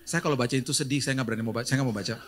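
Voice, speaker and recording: A middle-aged man from Indonesia delivers a sermon. He preaches in a lively storytelling way, acting out the voices of the people in his stories and mixing in jokes. His voice sits at an ordinary pitch for a man. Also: very fast. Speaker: pastor.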